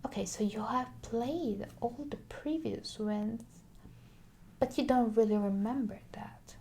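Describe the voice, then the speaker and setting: A woman's slightly high, creaky voice carries a soft-spoken ASMR roleplay in which she acts as a video game shop clerk. She halts and hesitates, shifting into whispers, against slight background noise.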